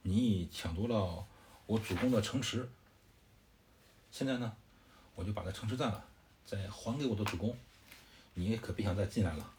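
A mocking male court official, spoken slowly and deliberately, as a storyteller puts him on. The voice sits fairly low. He sounds firm and pleased with himself. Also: noisy background, close to an everyday voice. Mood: taunting. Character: male Han court official defying a warlord.

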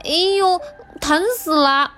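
A woman's voice: very high voice, normal speed, soft background music, voice pushed up. A woman playing a squealing, hot-tempered little boy frog. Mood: indignant. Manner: loud, whiny, indignant shouting.

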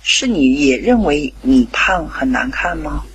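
A middle-aged woman telling a family anecdote, lively and quoting the dialogue in character. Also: low-pitched, measured pace, slightly rough, poor audio. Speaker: parent. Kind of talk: storytelling anecdote.

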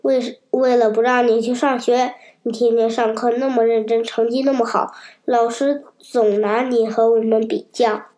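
A woman's voice: a little high, flat delivery, normal speed, warm tone, close to an everyday voice. A woman voicing a gang of mischievous schoolboys in a children's storybook reading, coaxing and taunting. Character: mischievous schoolboys teasing a classmate.

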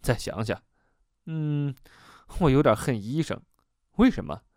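A man's voice: mid-range voice, lively intonation, measured pace, vocal fry, a little mellow, no echo, studio quality. A man doing a bitter young male patient.

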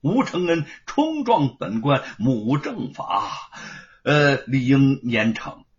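A man voicing a cruel, arrogant old official who speaks in a slow, gloating, menacing drawl. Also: medium pitch, sing-song, pitched below the performer's own voice. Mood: furious. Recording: dull lo-fi recording.

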